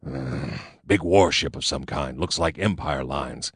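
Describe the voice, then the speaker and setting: A man voicing a gruff older male chief of a secret agency, snarling and grumbling his lines. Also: very deep voice, unhurried, no room sound, clean studio sound, pitched below the performer's own voice, heavily acted. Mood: drowsy.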